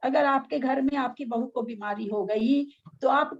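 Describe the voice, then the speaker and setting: A woman's voice: high-pitched, a little slow, lo-fi sound. A middle-aged woman leading a casual spiritual discussion, frank and argumentative, full of rhetorical questions. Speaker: religious discussion leader.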